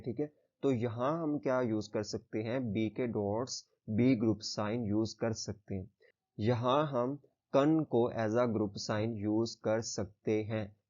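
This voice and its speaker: A man's voice: mid-range voice, mellow. A male braille teacher explaining rules step by step, patiently checking understanding as he goes. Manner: patient, repeats "theek hai" and "okay" to check understanding. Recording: slightly dull lo-fi sound.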